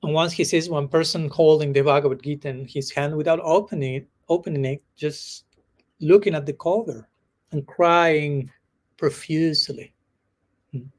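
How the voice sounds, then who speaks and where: Guy giving a relaxed spiritual talk to a group, kinda high voice, laughs a lot, keeps saying "no?". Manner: gentle, unhurried storytelling with frequent chuckles and "no?" asides. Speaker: spiritual teacher. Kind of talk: informal dharma talk to a live group.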